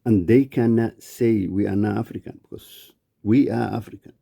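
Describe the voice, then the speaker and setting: A man's voice: on the low side, fairly even intonation, moderate pace, vocal fry, mellow, slightly rough. A man from Somalia speaking in an indignant, blunt monologue. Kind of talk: angry monologue.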